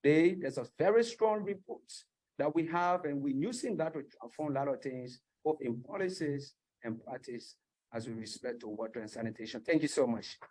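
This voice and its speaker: A man rounds off his panel remarks in an earnest, measured way. His voice is fairly high for a man. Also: a little mellow, rough recording. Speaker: panel speaker. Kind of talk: closing remarks.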